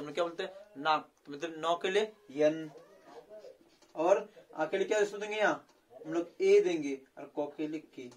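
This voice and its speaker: A man with a slightly high voice teaches a spelling lesson to viewers. He addresses them as friends again and again. He stretches each syllable slowly as he spells it out.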